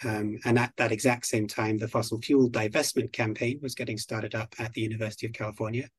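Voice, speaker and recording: A man from the United Kingdom being interviewed as a guest on a podcast, speaking in a measured, articulate way. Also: on the low side, fairly even intonation, slightly rough. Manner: measured, articulate, slow and deliberate. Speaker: guest expert on biodiversity.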